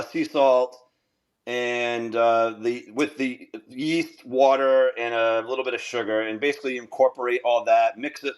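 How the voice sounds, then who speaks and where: A man with a Rhode Island accent chats casually through a livestream from his home kitchen. He walks viewers through each step, often restarting his sentences. His pitch sits at a middling height. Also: clean tone. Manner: chatty, explains step by step with many restarts. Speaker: livestream host cooking pizza. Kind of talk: casual livestream chat while cooking. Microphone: camera on a handheld gimbal.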